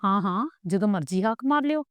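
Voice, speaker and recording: A woman's voice: medium pitch, animated, a little fast, smooth, no echo, close to an everyday voice. A woman doing a cheeky young father. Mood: playful. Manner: playful, cooing at the baby. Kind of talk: storybook reading.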